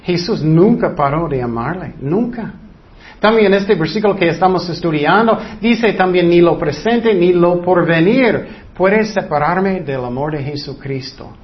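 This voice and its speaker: A man's voice: high voice, lively intonation, unhurried, highs cut off. A man preaching a sermon who keeps putting questions to his listeners and repeats phrases for emphasis.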